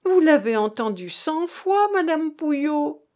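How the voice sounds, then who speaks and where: A woman's voice: sits high, sing-song, measured pace, darkish tone, voice pushed up. A woman reader voicing a small, wiry priest's cook who howls in piercing cries. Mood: frantic wailing.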